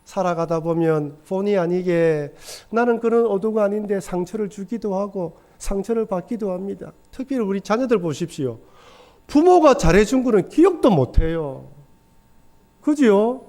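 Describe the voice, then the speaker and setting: A man's voice: high voice, mellow. A middle-aged man, a pastor, preaching a sermon in a church with earnest storytelling. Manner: earnest storytelling, acts out quoted voices. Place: church sanctuary.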